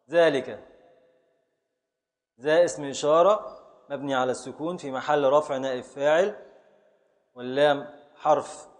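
In a big-room sound, a man with a medium-pitched voice teaches a classroom lesson on Arabic prosody and grammar in Egyptian Arabic. He patiently repeats and scans words aloud and calls on his students.

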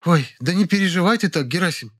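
A man doing a soft, fussing kind woman. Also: high-pitched, expressive, quick pace, voice pushed up. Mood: soothing. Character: chatty, consoling kindly woman.

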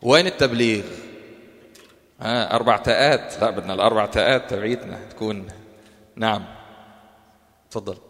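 A man's voice: fairly low pitch, brisk, long pauses, fairly bright tone. Levantine man teaching in a reverberant hall. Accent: Levantine Arabic. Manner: colloquial, questions the audience and answers himself. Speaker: Quran course teacher. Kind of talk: interactive religious lecture.

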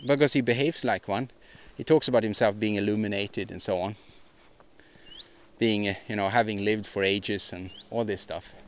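A man hosting his own podcast, talking alone in a halting, rambling, opinionated way with many restarts and repeated words. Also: on the low side, steady tone, smooth. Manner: opinionated, ranting delivery. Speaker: podcast host. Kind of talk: solo podcast monologue.

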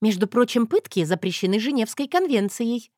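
A woman's voice: a little high, sing-song, darkish tone, no room sound, studio quality, pitched above the performer's own voice. A woman voicing a sassy, defiant young wife who keeps snapping back, in an audiobook. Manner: sassy, quick to snap back.

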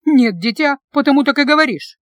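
A woman voicing a sharp-tongued, bitter young female coworker who snaps and sneers. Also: high voice, animated, brisk, no room sound, studio quality, voice pushed up. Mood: mocking. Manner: snapping, sarcastic, loud.

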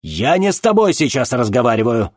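A man voicing a strict, angry middle-aged father who scolds loudly in an audiobook. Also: mid-range voice, very animated, normal speed, no room sound, clean studio sound, pitched above the performer's own voice. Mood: furious. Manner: loud, growling and scolding. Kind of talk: audiobook character voice.

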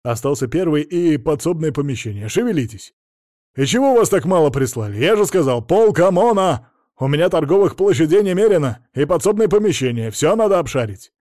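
A man voicing a drunk, red-faced, bullying millionaire, shouting and blustering in an audiobook. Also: on the high side, very animated, fairly quick, dry recording, clean studio sound. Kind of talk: audiobook character voice.

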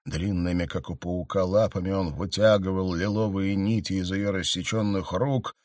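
Low-voiced male fantasy audiobook narrator. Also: steady tone, moderate pace, darkish tone, dry recording, studio quality.

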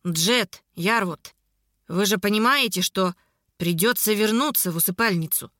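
Woman playing a cool, mocking dark emissary. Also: medium pitch, moderate pace, no echo, studio quality, lightly acted. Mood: tense. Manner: mocking, mentoring tone. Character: ironic, cool-headed male emissary of darkness.

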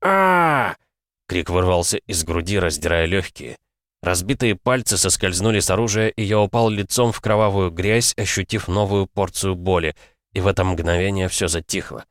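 Deep-voiced man narrating an audiobook. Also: fairly even intonation, moderate pace, dry recording, studio quality. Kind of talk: dramatic fiction narration.

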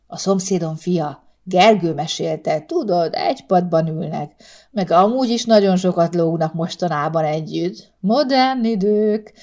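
A woman's voice: fairly low pitch, warm tone, close to an everyday voice. A woman voicing a jovial, tipsy male boss who talks in a sly, teasing way.

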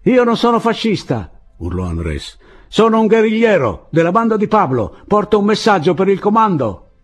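A man voicing a desperate young guerrilla who shouts and pleads to be let into a trench, in an audiobook reading. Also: low voice, little pitch movement, moderate pace, husky, soft background music. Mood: shouting, pleading.

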